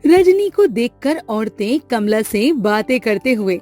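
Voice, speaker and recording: A woman narrating an animated family story in a steady, plain storytelling way. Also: on the high side, unhurried, faint music behind.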